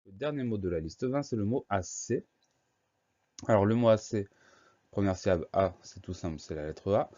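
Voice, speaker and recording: A man teaching a spelling lesson, explaining each word slowly and patiently and spelling it out letter by letter. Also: lowish voice, warm tone. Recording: dull lo-fi recording.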